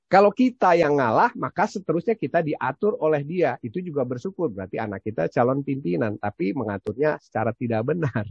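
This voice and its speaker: A man who teaches parenting, giving advice in a casual, animated way and acting out what he says to his own child. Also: fairly high pitch, brisk, creaky, few pauses, husky, no room sound. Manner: animated storyteller, acts out his own stern lines to his child. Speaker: parenting educator answering a question. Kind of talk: conversational advice talk. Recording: dull, lo-fi sound.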